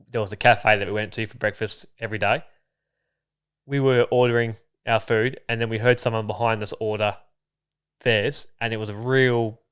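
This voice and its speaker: A man's voice: fairly low pitch, a bit bright, clear, resonant tone. An Australian man co-hosting a podcast, telling laid-back anecdotes with casual swearing. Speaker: podcast co-host. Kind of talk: casual banter.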